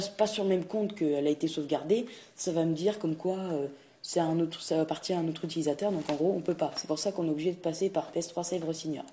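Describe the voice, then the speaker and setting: A man's voice: a little high, mellow. A man talking through a casual tutorial, hesitant, full of fillers and restarts, saying "tac" at each click. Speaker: video game tutorial host. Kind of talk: casual screen-recording tutorial.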